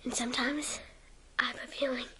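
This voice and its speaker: High voiced girl goofing around on her home video, whispers a lot, hissy noisy recording. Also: flat delivery, a little fast. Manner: playful, often drops to a hushed whisper. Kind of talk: casual self-filmed chat. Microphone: camera mic.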